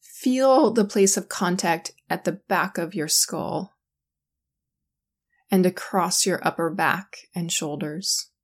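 Slow, soothing woman guiding meditation. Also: fairly low pitch. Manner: slow, soothing and calm, with long pauses. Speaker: meditation guide. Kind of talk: guided sleep meditation.

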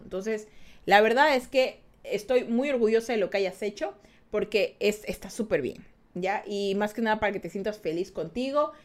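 A woman, chatting casually as a streamer reading her live chat, teasing and laughing often. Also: medium pitch. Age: 20s.

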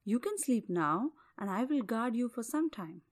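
A woman voicing a calm, kind male bear who speaks gently in a storybook tale. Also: on the high side, moderate pace. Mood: soothing.

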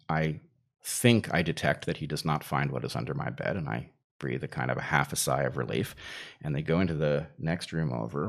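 A man with a very deep, low voice tells a long personal story in an easygoing, conversational way. He meanders, restarts and pads his sentences with fillers before getting back on track. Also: gravelly. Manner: rambling, self-interrupting with fillers. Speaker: storyteller guest. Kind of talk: casual anecdote.

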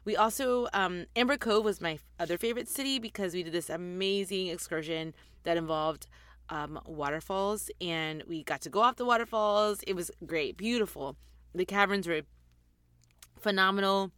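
A woman in her forties talks her way through a casual podcast episode, rambling and filling gaps with ums. Her voice sits slightly low. She records inside a closet on a desktop mic, so the sound is very dry and close, with no room echo. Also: moderate pace, fairly bright tone. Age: 40s. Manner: chatty and rambling, with frequent ums. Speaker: podcast host. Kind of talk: casual chat. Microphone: desktop USB microphone.

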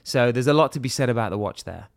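A British man in middle age talks casually as a podcast guest. His voice sits at a middle pitch, and he jokes, trails off and picks his sentences back up again. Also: animated, fast talker, creaky, dry recording, clean studio sound. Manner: chatty, joking, trails off and restarts. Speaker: watch brand director, guest.

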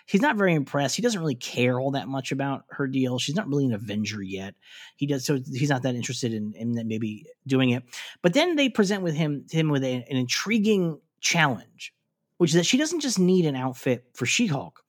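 A man's voice: mid-range voice, big pitch swings, brisk. A man co-hosting a casual podcast, recapping a TV episode in a chatty way with frequent fillers and restarts. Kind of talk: casual chat.

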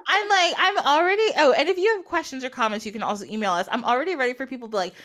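A woman's voice: high-pitched, racing, a bit bright. Woman, podcast host, wheezy laugh, casual, giggly, rambling, self-deprecating. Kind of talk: casual chat.

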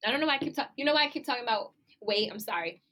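A woman co-hosting a relaxed podcast with a bright, sharp voice. She talks in an animated, chatty way, swears casually and laughs a lot. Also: on the high side, rapid-fire. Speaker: podcast co-host.

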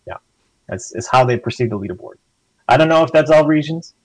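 A man's voice: medium pitch, expressive, fairly quick, a little mellow, dry recording, poor audio. Guy rambling on a gaming podcast, restarts a lot, dry close sound. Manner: rambling, restarts often, acts out quotes animatedly. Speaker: podcast guest. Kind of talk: casual gaming discussion.

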